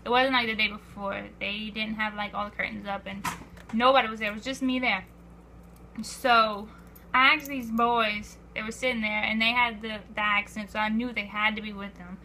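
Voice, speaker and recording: A teenage girl telling an excited vlog story, breathless and full of "I was like", acting out quotes. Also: medium pitch, normal speed, slight background noise. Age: teens. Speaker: vlogger.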